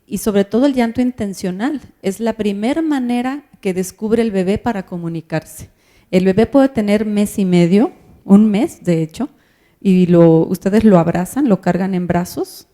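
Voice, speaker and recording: Mellow-voiced woman lecturing parents. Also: fairly low pitch. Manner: explanatory, asks the audience questions. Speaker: speaker on child language development.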